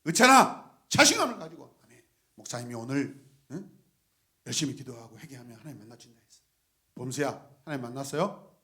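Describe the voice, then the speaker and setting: A male pastor preaching an animated sermon, shifting between soft asides, laughter and sudden shouts as he calls out to the congregation. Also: mid-range voice, fairly quick, pauses often. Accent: Gwangju.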